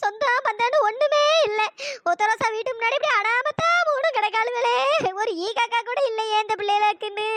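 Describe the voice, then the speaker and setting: A woman doing a shrill, wailing village mourner. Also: sing-song, fast. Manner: wailing lament, then sharp scolding. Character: loud middle-aged village woman mourner turned scold. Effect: pitch-shifted voice. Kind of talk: cartoon voice acting. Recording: noisy pitch-shifted recording.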